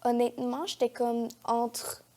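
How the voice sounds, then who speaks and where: This young actress, a teenager with a Quebec French accent, chats as an interview guest in a TV studio, her voice on the high side with a darkish tone. She speaks unhurriedly with little pitch movement, using casual teen phrasing full of "genre" and "comme."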